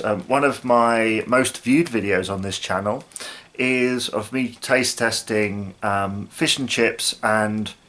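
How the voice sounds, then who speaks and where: A man's voice: on the low side, a bit bright. A British man in his thirties chatting casually to camera as a review host, thinking aloud a little hesitantly. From United Kingdom. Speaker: snack review video host. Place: small living room, indoors.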